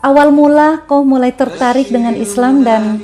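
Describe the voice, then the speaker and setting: A woman's voice: high-pitched, steady tone, moderate pace, dark tone. A woman interviewing a guest, asking questions and often affirming what he says. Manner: attentive, frequent affirming backchannels. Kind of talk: interview conversation.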